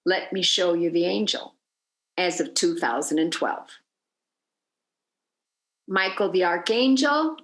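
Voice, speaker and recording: This virtual tour guide has a fairly low-pitched voice, and the room echoes around her. She tells a story with liveliness, acting out each person she quotes.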